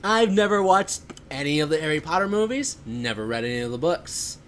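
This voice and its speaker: This fairly high-pitched, expressive man in his twenties talks briskly as a casual podcast co-host. His rambling is packed with fillers and regular laughter, over slight background noise.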